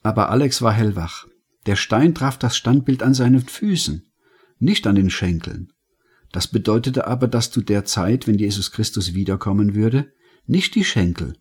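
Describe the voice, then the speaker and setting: A man narrating an audiobook in a calm, measured storytelling manner. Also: fairly low pitch, husky. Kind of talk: scripted narration.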